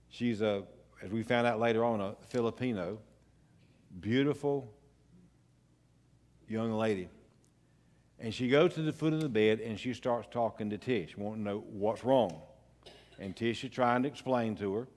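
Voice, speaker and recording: An older man, a pastor telling a family story in a folksy, unhurried way with pauses and restarts. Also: lowish voice, a little mellow. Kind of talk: storytelling sermon. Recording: long church hall reverb.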